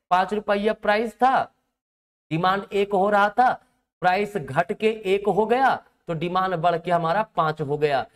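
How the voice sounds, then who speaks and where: A woman teaching economics for exam prep in Hindi mixed with terms, asking questions and then answering them herself. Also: mid-range voice. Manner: asks and answers her own questions, checks in often.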